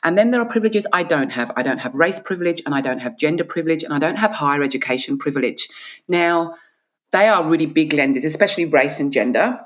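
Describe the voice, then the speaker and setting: Her low voice is expressive and fast, heard through dull audio. She's an Australian author being interviewed as a guest, reflecting earnestly and with emphasis while acting out short dialogues.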